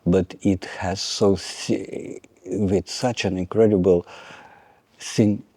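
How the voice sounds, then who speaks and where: An older man, a violin teacher talking in a measured way, pausing to search for words and making dry jokes. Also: low voice, fairly even intonation, dark tone, slightly rough, no room sound. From Lithuania. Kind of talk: conversational interview.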